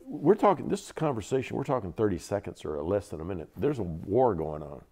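With a lowish, warm, husky voice that swings widely in pitch, a Georgia man in his seventies talks fairly quickly in a Southern accent. He is a veteran guest in a storytelling interview, bringing his memories to life and repeating words for emphasis.

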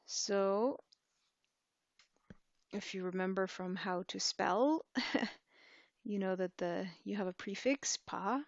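A woman tutor talking slowly through a typing lesson, her voice carrying a gravelly edge. She pauses, hedges and corrects herself as she types. The sound is close, dry and a little dull. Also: mid-range voice, no echo. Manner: relaxed, hesitant, thinking aloud while typing. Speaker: language teacher. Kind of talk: screen-recorded tutorial.

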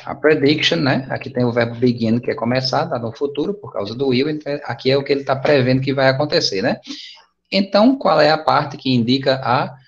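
A man with a Brazilian Portuguese accent leads an online English lesson, patient and encouraging in a relaxed, casual tone. His voice has a gravelly edge. The video-call audio sounds dull and lo-fi. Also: medium pitch, brisk. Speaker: English teacher. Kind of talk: online class teaching.

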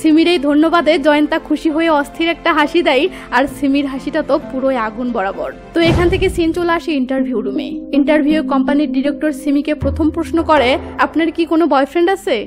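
High-voiced woman joking through a film recap. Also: brisk. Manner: lively, slangy, joking asides. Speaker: movie recap narrator. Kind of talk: comic film recap narration. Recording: voice-over with loud background music.

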